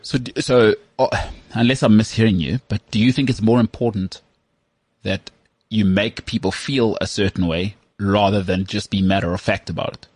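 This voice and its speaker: A man's voice: on the low side, fairly even intonation, normal speed, darkish tone, dry recording. A man in his thirties hosting a casual chat, rambling and self-mocking with lots of restarts. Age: 30s. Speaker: podcast host.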